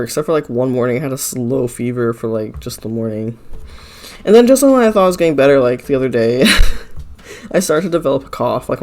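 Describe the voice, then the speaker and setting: An art channel creator rambles through a casual voice-over, his mid-range, darkish voice hoarse and gravelly from a recent illness and a bit stuffy. He leans on fillers like "like" and "uh" and keeps apologizing, with faint music playing behind him.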